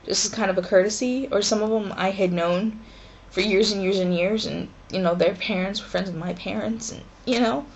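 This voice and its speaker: Halting young woman with a gravelly voice. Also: medium pitch, fairly even intonation, dull audio, a little hiss or hum. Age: 20s. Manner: halting, emotional, many pauses and sighs. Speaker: vlogger. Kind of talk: personal confessional vlog. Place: dorm room.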